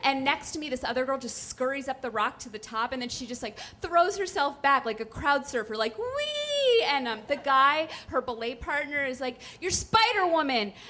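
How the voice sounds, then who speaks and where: A woman's voice: sits high, a little fast, few pauses, sharp tone. A young woman telling a funny, self-deprecating personal story on stage, chatty and full of "like" and "um.". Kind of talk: live comic personal storytelling. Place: stage at a live storytelling night.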